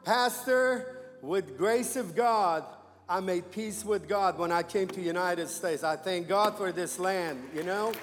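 A man delivers an emphatic testimony in a church sanctuary. His voice sits high and he speaks slowly. The room is echoey with faint music behind him. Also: some chatter behind. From Iran. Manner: emphatic preacher, calls for amens. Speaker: guest missionary.

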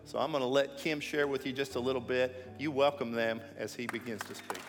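A man's voice: medium pitch, steady tone, fairly quick, some chatter behind. A man speaking as a pastor, giving friendly church announcements and introducing guests. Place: church sanctuary. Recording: echoey sanctuary with faint music.

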